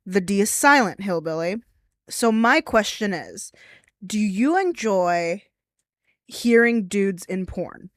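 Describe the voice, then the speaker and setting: A woman's voice: mid-range voice, lively intonation, slow pace, dry recording, studio quality. A mildly drunk woman chats casually and crudely as she hosts a livestream, rambling as she goes. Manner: tipsy, rambling, crude-humoured. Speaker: livestream host.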